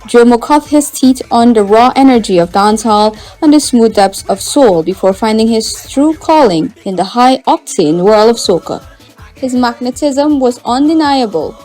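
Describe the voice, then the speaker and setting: A woman's voice: a little high, animated, moderate pace, mellow, soft background music. Woman narrating a dramatic news feature. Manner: dramatic, polished delivery.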